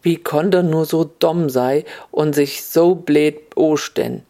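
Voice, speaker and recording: A storyteller reading a tale in Upper Hessian dialect, drawing out key words slowly. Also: mid-range voice, dark tone.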